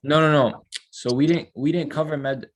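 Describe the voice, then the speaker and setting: A man teaching Quran recitation in a relaxed class, talking casually and stretching out syllables to show how they are chanted. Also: a little high. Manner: explains slowly, models drawn-out recited syllables.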